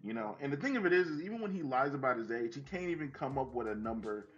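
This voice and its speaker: A man interviewing a guest over a voice call, asking questions in a relaxed, chatty way. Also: mid-range voice, fast talker, muffled recording, soft background music.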